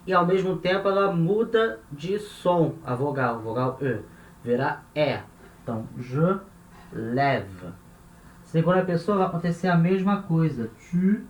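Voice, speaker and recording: A man with a Brazilian Portuguese accent, teaching a lesson and patiently repeating and spelling out each example. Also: a little high. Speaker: language teacher. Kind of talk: explaining French grammar in Portuguese. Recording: echoey room with faint noise.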